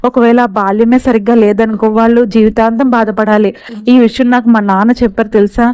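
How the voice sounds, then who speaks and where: A woman voicing a gentle, caring young heroine who speaks sincerely. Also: on the high side, fairly even intonation, brisk, smooth, dry recording, lightly acted.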